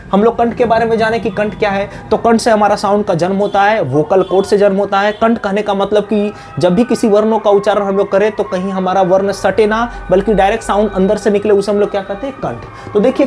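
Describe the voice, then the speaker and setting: A man teaching an exam-prep lesson, asking questions and answering them himself, dropping lower and softer on each repeated answer. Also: steady tone, a little fast, hardly any pauses, soft background music. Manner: drops low and soft on the repeated answer.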